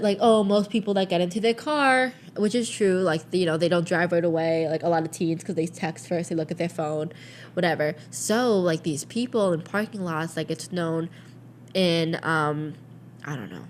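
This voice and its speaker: A young woman co-hosting a casual chat show, telling animated stories full of "like" and swearing. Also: on the low side, slight background noise. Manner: animated storyteller, swears freely, lots of "like". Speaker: podcast co-host.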